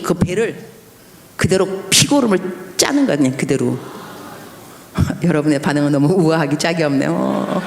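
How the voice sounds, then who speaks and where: A woman pastor in her fifties tells a story from the pulpit, her pitch leaping and falling as she acts out every quoted exchange. Her voice rings through a church hall, with a long reverb trailing after each phrase. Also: slight background noise. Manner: animated, acts out quoted dialogue with laughs. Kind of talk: lively storytelling sermon. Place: church sanctuary at an evening service.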